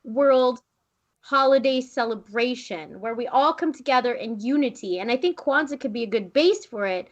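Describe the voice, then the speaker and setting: Young woman co-host, bright higher voice, playful, laughs a lot, casual podcast banter. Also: expressive, moderate pace, muffled recording. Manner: playful, laughs often, jokey wordplay. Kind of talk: casual chat.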